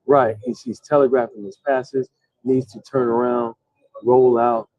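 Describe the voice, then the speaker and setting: Male sports stream host, worn out, mid-pitched, rambling delivery; dry, dull lo-fi audio. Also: flat delivery, a little slow. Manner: rambling, many restarts and fillers. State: tired. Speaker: host reading live chat. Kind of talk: casual live-stream sports chat. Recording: dull, lo-fi sound.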